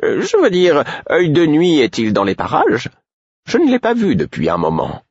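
Gruff commanding older woman in an audiobook, sharp and raised, read by a man. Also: fairly high pitch, huge pitch swings, moderate pace, no echo, lo-fi sound, pitched above the performer's own voice, heavily acted. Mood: pressing.

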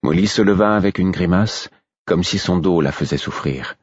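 A man narrating a story in the first person, reading in a calm and measured way. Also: low voice, slightly rough, no room sound, muffled recording. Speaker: audiobook narrator.

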